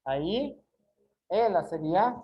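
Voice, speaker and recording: A woman's voice: on the low side, animated, very slow, lo-fi sound. A woman teaching an online class, explaining patiently and drawing out words syllable by syllable. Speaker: Spanish teacher.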